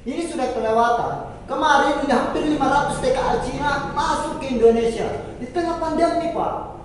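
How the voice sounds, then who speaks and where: Picture a furious male debate guest, played by a man in an acting class, hurling accusations and getting louder with every line. His voice rings loudly off the bare walls of a hard room. The mic sits well away from him. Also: high-pitched, animated, fast talker, a little hiss or hum. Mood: indignant. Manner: heated, accusing, raises his voice. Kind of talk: staged TV debate role-play. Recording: very echoey room, mic far off.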